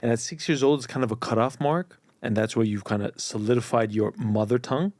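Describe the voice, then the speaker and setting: A man's voice: medium pitch, fairly quick, darkish tone, no room sound, studio quality. A man from Greece, a guest in a casual podcast chat, explaining things and teasing the others.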